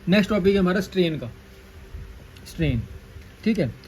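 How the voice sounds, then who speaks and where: A man with a high voice gives a classroom lecture, drilling key terms and slowing down to dictate each formula. A faint hiss of background noise sits under the recording. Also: animated, a little mellow, poor audio. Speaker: teacher.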